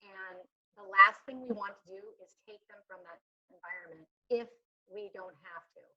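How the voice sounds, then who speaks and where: A woman heard over a video call, presenting in a webinar for a child welfare agency, halting with frequent ums and restarts. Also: medium pitch, sharp tone, breathy edge. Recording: muffled lo-fi video call audio.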